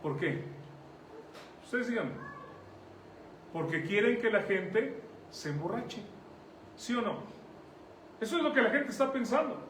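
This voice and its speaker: A man's voice: high voice, animated, a little slow, long pauses, a bit bright. A man with a Mexican accent preaching a sermon in a conversational way, putting questions to his congregation. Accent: Mexican Spanish. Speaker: pastor. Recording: echoey room, mic at a distance, faint noise.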